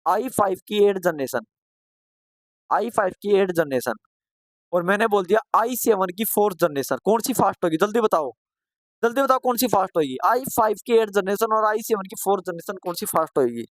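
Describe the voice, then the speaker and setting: A man teaching a computer course in a live online class. He asks questions and answers them himself, repeats points, urges students to answer quickly and gently scolds and encourages them. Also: sits high, lively intonation, no echo.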